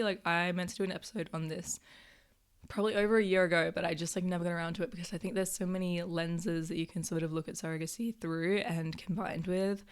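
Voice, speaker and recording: A woman speaks as a young podcast host with a hoarse, sick-sounding voice, sitting a touch lower in pitch than most women. She talks through her monologue in a casual, chatty way, filling gaps with "like" and "um". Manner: chatty, many filler "like"s.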